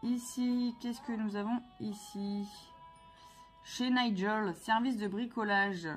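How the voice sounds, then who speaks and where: A woman's voice: mid-range voice, steady tone, slow, soft background music. A woman chatting casually to her viewers as she plays a video game, playful and talkative. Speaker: vlogger playing a video game. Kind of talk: casual gameplay commentary.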